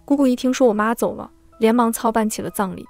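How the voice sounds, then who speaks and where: A woman with a fairly high, clear voice reads a tragic first-person story aloud in a sorrowful, heartfelt way. Her voice sits dry and close, with soft music playing quietly underneath. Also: fast talker, dry recording. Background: faint background music.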